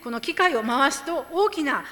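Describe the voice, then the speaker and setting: A woman interpreting a sermon phrase by phrase, lively and expressive as she restates each line for the congregation. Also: high voice, normal speed. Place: church hall. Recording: echoey hall.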